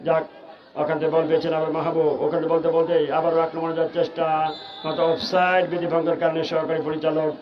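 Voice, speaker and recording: High-voiced Bangladeshi man, excited football commentary. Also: quick pace, lo-fi sound. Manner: excited, urgent play-by-play with repeated stock phrases. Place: outdoor football ground.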